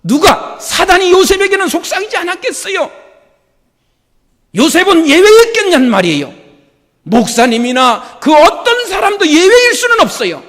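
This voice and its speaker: A male pastor preaching a sermon, emphatic and rising to shouted declarations. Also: very high voice, sing-song, moderate pace, in a large hall.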